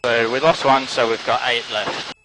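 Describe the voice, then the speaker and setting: Man guiding through loud helicopter noise. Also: mid-range voice, steady tone, normal speed. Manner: informative, pointing out landmarks. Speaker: helicopter pilot and sightseeing tour guide. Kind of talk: tour commentary over a headset. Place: inside a flying helicopter. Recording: loud helicopter engine noise over intercom.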